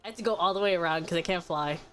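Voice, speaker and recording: A woman's voice: lowish voice, very fast, music in the background. A woman streamer chatting casually while gaming, ranting with lots of swearing and frequent laughter. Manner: foul-mouthed, ranting, laughs often.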